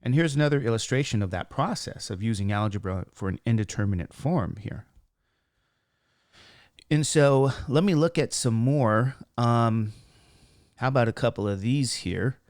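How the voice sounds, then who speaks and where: A man with a slightly squeaky voice teaching math informally, talking through each step and posing questions he then answers himself. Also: expressive, moderate pace, darkish tone, no echo, clean studio sound. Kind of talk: informal worked-example lesson, thinking aloud.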